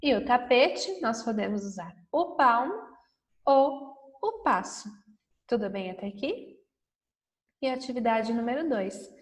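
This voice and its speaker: A woman teacher correcting a lesson for first graders, talking slowly and patiently, stretching out words and often checking understanding. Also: fairly high pitch, lively intonation, long reverb tail, recorded from a distance. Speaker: primary school teacher.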